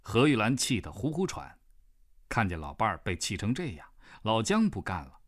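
A man narrating a novel as an audiobook reader, in measured storytelling. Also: fairly low pitch, wildly swooping pitch. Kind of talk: scripted narration.

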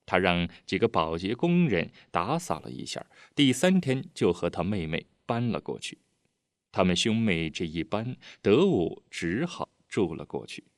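Guy narrating a novel, deep low voice, dry close sound. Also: a little slow, no room sound. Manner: steady storytelling. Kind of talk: audiobook novel reading.

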